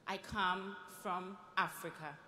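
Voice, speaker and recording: Young woman giving a slow formal speech, bright voice, big echoey hall. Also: mid-range voice, steady tone, very noisy. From Malawi. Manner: slow, deliberate oratory with pauses. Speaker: youth forum speaker. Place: large conference hall. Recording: echoey hall with long reverb.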